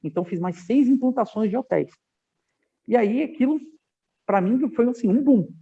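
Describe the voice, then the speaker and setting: A man's voice: very high-pitched, moderate pace, vocal fry, husky. A man from Brazil, a guest on an interview podcast, telling stories from his working life and acting out the dialogue he quotes. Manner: animated storyteller, acts out quoted dialogue. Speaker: podcast guest, aviation professional. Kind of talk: casual interview storytelling. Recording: tinny phone-like line.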